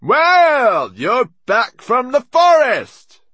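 A man's voice: very high voice, huge pitch swings, drawn-out words, bright, forceful tone, husky, no room sound, pitched above the performer's own voice, heavily acted. A man voicing a sly, mocking male piper with a sneering, sing-song delivery.

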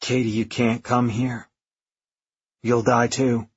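A terrified young male officer stranded aboard a wrecked spaceship. His voice is husky and slow, faltering with shock and despair. It is a dramatized audiobook performance with a slightly dull, muffled sound. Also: mid-range voice, little pitch movement. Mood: frightened, pleading. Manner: halting, shaky, despairing.

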